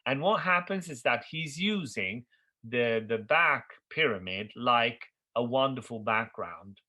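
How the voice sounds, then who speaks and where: A man's voice: medium pitch, lively intonation, a little slow, bright, forceful tone. A middle-aged man whose first language is Italian, giving a university lecture on architecture history, thinking aloud with fillers and checking in with "okay?".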